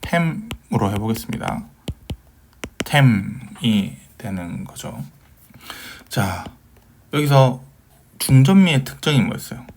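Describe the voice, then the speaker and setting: A man's voice: mid-range voice, big pitch swings, slow pace, long pauses, darkish tone, a little hiss or hum. A man giving a recorded Hebrew grammar lecture, patiently asking questions and answering them himself, with many fillers.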